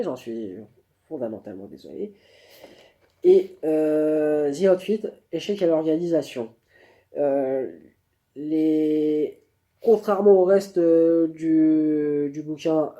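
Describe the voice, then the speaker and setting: A man's voice: a little high, mellow. A man giving a spontaneous face-to-camera book review, hesitating often with fillers and restarts. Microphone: camera mic.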